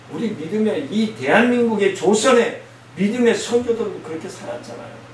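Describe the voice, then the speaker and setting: A male pastor preaching a sermon, blunt and scolding, with loud emphatic outbursts. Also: sits high. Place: church sanctuary. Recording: very echoey church hall, mic from a distance, faint hiss.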